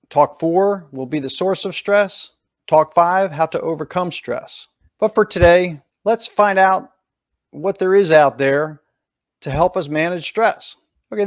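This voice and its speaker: A man, a doctor, narrating a slide presentation in a measured, deliberate way, listing points one by one. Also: fairly high pitch, dry recording, studio quality. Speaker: doctor giving a talk series.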